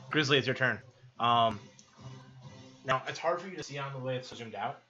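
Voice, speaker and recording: A man's voice: medium pitch, normal speed. Man, game master, casual explainer, muffled sound, music playing. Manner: casual, filler-heavy explaining. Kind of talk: running a tabletop war game. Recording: muffled audio under loud music.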